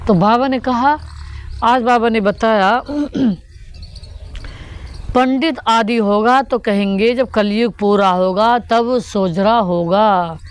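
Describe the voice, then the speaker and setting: Speaking slowly in a clean, fairly high voice, a woman delivers a devotional sermon on the day's spiritual teaching. She restates each point and poses rhetorical questions to her audience.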